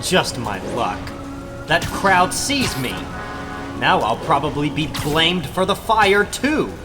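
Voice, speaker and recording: A man's voice: on the high side, expressive, slow pace, over music. A man playing a wisecracking young superhero, quippy and theatrical, in a dramatic comic book reading. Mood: dejected. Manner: quippy, self-narrating, theatrical. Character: wisecracking teenage male superhero, cocky but hard-luck.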